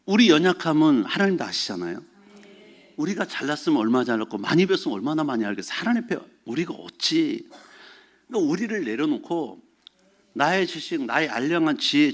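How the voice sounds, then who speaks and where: A man preaching a Sunday sermon as pastor, telling a story in an animated way and shouting exclamations from it. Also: a little high. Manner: animated storytelling, mixes formal and casual speech, shouts acted exclamations. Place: church sanctuary.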